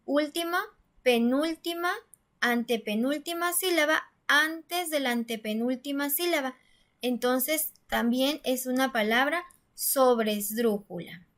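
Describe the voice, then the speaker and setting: A woman's voice: sits high, slow, a bit bright. A woman teacher giving a step-by-step grammar lesson, patiently explaining and saying syllables aloud with stress. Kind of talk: classroom-style grammar lesson.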